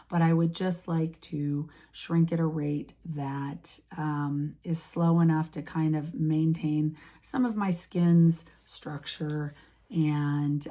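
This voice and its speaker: Low-voiced chatty woman in her fifties. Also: mellow. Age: 50s. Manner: rambling, many restarts and fillers. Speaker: vlogger. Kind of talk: casual chat to camera.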